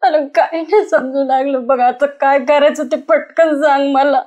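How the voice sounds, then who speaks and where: A woman's voice: sits high, fairly even intonation, normal speed, a little mellow, natural voice. A woman playing a tearful village wife. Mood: worried. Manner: pleading, tearful. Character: anxious village wife fearing her husband will leave her.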